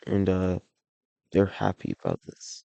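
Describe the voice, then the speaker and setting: This alternate-history map series creator narrates a map video casually in a low, raspy, gravelly voice that sounds hoarse and slightly unwell. He rambles unhurriedly, often restarting and correcting himself. The recording is dry and close, with no echo or room sound.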